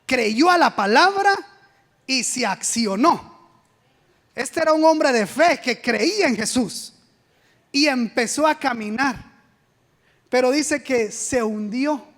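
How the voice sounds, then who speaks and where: A woman preacher giving an animated sermon, putting rhetorical questions to the congregation and acting out the quoted speech. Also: high voice, slow, long pauses. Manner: acts out quoted speech in a dramatic way. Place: church sanctuary. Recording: long church reverb.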